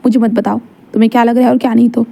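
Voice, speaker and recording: A woman voicing a sulking young man who scolds his lover with sarcastic, sharp remarks. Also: fairly high pitch, little pitch movement, very fast, creaky. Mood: scolding.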